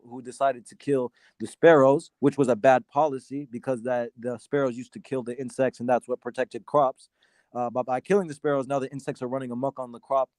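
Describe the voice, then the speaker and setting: A man from Sudan arguing his side in a casual debate, halting often with fillers and restarts. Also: medium pitch, a little mellow, no room sound. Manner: hesitant, many fillers and restarts. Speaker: debate guest.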